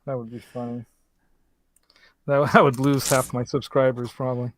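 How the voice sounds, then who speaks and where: A man's voice: mid-range voice, flat delivery, moderate pace, slight background noise. A man hosting a casual show from his home workshop, chatting and joking while he works, laughing often and thinking aloud. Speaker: host. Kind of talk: casual chat while working on a guitar. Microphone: desk mic close by.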